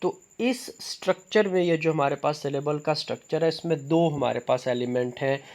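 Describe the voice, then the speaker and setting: A man giving an explanatory lecture on phonology, slow and deliberate, with frequent fillers. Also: on the high side, darkish tone. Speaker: teacher.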